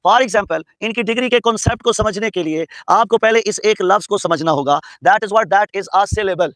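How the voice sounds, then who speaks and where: A man's voice: sits high, moderate pace, a bit bright, dry recording, low-quality recording. A man from Pakistan teaching an English grammar lesson. He asks students questions, answers them himself, and spells out English terms carefully. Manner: calls students "beta". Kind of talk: classroom lecture mixing English and Urdu.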